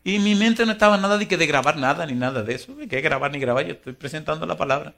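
A middle-aged man preaching a sermon as pastor, animated and humorous, moving from hushed asides to loud exhortation. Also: fairly high pitch, fast, creaky. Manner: humorous storytelling.

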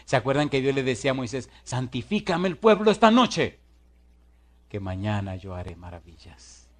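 A man preaching a sermon in an animated way, reading scripture slowly and deliberately, then swinging from loud exclamations to soft asides. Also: mid-range voice.

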